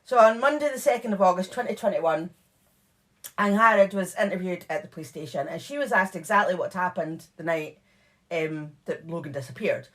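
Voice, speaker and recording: A woman's voice: on the low side, brisk. A woman co-hosting a true crime podcast, casually retelling case details with lots of fillers and asides. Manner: chatty, filler-heavy retelling of case notes. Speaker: podcast co-host.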